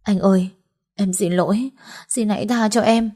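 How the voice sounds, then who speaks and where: A woman's voice: mid-range voice, fairly even intonation, normal speed, warm tone, pitched above the performer's own voice, lightly acted. A woman reading the part of a scheming mistress who sobs and pleads in a raised voice. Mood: begging. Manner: sobbing, pleading. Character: scheming young mistress, tearful and desperate.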